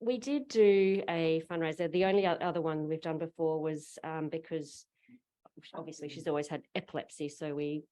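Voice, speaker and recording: A middle-aged Australian woman talking through a face mask, giving an informal, halting, self-deprecating personal account to a group. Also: low voice, dark tone. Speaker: panel speaker, parent fundraiser.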